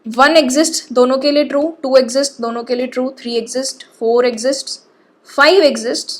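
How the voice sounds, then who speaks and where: A woman teaching programming, talking through code step by step and often pausing to check in with her students. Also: high-pitched, steady tone. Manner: explains patiently, often checks in with "ठीक है".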